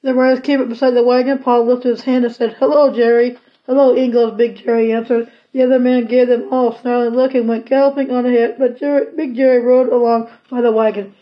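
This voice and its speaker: A woman reading a children's novel aloud chapter by chapter, in an unhurried, plain storybook way. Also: on the high side, flat delivery. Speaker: audiobook reader. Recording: slightly dull lo-fi recording.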